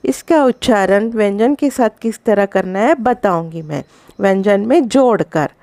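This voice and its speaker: Slow, patient woman teacher. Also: mid-range voice, lively intonation, a little mellow, no echo. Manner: slow, repetitive, patient explaining to young children. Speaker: school teacher. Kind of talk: recorded online class lesson.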